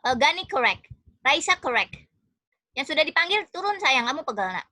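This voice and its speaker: Bright high-voiced Indonesian woman teacher. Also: sing-song, fairly quick, no room sound. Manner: affectionate, encouraging, calls students one by one. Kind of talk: online class teaching. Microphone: video call.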